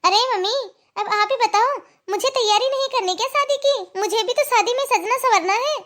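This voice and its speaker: A woman voicing a spoiled, indignant young married woman in a cartoon, complaining with sharp retorts and scoffing laughs. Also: very high-pitched. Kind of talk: cartoon voice acting.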